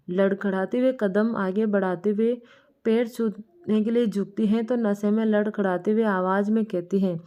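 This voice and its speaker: A woman's voice: mid-range voice, mellow. A woman reading a family drama story aloud, voicing every character herself. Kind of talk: scripted narration. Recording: muffled lo-fi recording.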